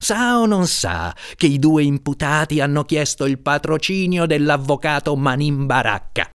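A man's voice: fairly high pitch, very animated, clear, resonant tone, pitched above the performer's own voice. Man playing a bitter, stubborn jinx. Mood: insistent. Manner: insistent, bitter, drawn-out emphasis.

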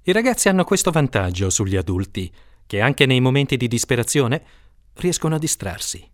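Man, audiobook narrator, steady expressive reading, mid pitch, dry close sound. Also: brisk, dry recording.

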